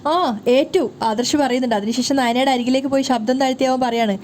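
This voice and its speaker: A woman's voice: high-pitched, steady tone, fast talker, darkish tone, a little hiss or hum. Chatty woman retelling a serial episode. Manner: chatty, running retelling with small self-corrections. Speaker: serial recap narrator. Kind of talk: casual storytelling recap of a TV serial episode.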